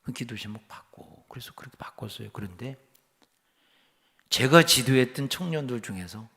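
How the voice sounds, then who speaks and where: A man's voice: mid-range voice, moderate pace. A man preaching a humorous sermon in a church, telling stories and acting out the dialogue. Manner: animated storytelling, acting out dialogue. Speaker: guest preacher. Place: church sanctuary. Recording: reverberant church hall.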